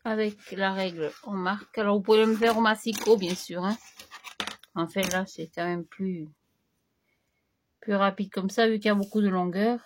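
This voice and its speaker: A woman hosting a crafting tutorial, chatting casually as she works, slightly hoarse and clearing her throat now and then. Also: medium pitch, steady tone, a little hiss or hum. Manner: slow, chatty, talks to herself while working.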